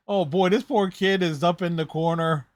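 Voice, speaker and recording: A man's voice: high voice, fairly even intonation, moderate pace, no echo, studio quality. A man hosting a reaction video, giving casual, rambling, conversational running commentary on a TV show.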